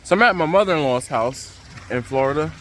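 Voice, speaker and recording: A man hosting a casual vlog to camera, speaking outdoors over the rushing water of a waterfall by a pool. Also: fairly high pitch, animated, a bit bright, a little hiss or hum. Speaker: vlog host.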